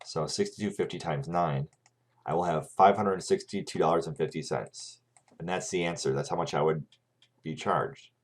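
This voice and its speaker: A man whose voice sits low teaches a math lesson by screencast at normal speed. Each calculation gets a step-by-step walkthrough, punctuated often by a checking-in "right?".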